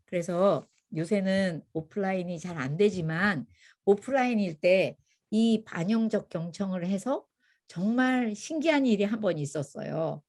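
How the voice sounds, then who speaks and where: An older woman teaching a church parenting class, telling stories in a lively way and acting out what people said. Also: mid-range voice, a little slow. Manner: lively storytelling, acting out quotes. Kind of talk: church parenting lecture with anecdotes.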